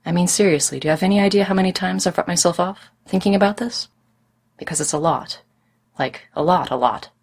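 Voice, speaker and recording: A woman's voice: on the low side, a little fast, breathy edge. A woman voicing a brash, impatient young woman who jokes and pleads eagerly. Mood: impatient pleading. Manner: loud, eager, wheedling.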